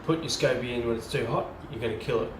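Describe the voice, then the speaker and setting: Speaking fast at medium pitch, a man who home brews rambles through an unscripted, casual how-to video, his delivery heavy with fillers, ums and restarts. It's captured on a far-off camera mic, roomy and with noticeable hiss behind him.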